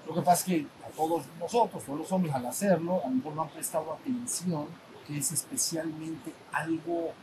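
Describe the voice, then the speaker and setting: Man teaching over steady rumble. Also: normal speed, few pauses. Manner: conversational, full of restarts, checks in with listeners, acts out sounds. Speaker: spiritual retreat teacher. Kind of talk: informal retreat lecture. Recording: steady background rumble and noise.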